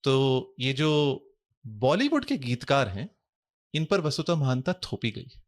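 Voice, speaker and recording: A man with a medium-pitched voice speaks as a guest on a podcast. He explains points in a measured, formal way and leans on Sanskrit-derived words. The recording sounds like an indoor studio. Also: very animated. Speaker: guest scholar. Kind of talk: podcast interview.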